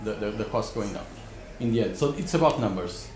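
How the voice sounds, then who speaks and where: Male panelist, off-the-cuff advice, halting delivery with many restarts, echoey room sound. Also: fairly low pitch, expressive, a little mellow, a little hiss or hum. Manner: halting, repeats words as he rethinks. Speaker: expert panelist advising startups. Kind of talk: spontaneous advice at a live panel. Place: wood-panelled conference room.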